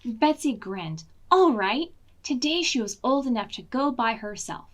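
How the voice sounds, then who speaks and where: This storytime reader at a children's library has a slightly high, animated voice and a moderate pace. Reading a picture book to preschoolers, she uses dramatic emphasis and asks her young audience questions.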